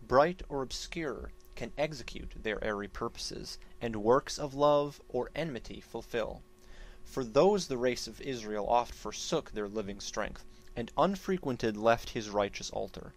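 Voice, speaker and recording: A man giving a theatrical dramatic reading of archaic epic poetry, declaiming it like a stage actor with solemn, deliberate phrasing that swells and falls. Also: medium pitch. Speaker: narrator reading an epic poem.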